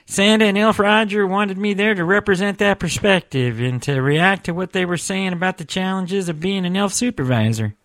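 Man doing a high, folksy elf reporter. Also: moderate pace, hardly any pauses, fairly bright tone. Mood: earnest. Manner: folksy, keeps addressing his partner by name. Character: chatty male elf radio reporter. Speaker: co-host, reporter. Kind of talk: comedic audio podcast acting.

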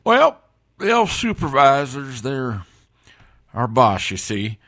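A man performs a blunt elf flight tracker with a gravelly, creaky voice in a comedic audio podcast. He talks plainly and roughly, sometimes bending his grammar, and his pitch leaps sharply at the start of a reply. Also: sing-song, slow pace, a bit bright, full character voice. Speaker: podcast guest.

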